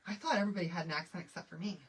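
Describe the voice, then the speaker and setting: Racing along in a lowish voice, a woman with a Michigan accent hosts a crafting livestream over background noise. She chats, laughs frequently, and handles viewer questions without stopping her work.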